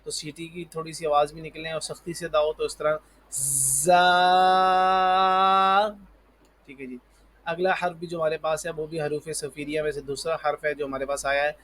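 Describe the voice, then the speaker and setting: A man with a fairly high voice teaches the alphabet for Quran reading. He calls out each letter slowly and loudly, then explains its sound in a quieter, patient way. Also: level tone. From Pakistan. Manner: patient, repeats "ji" and "parh lijiye". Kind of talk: alphabet lesson.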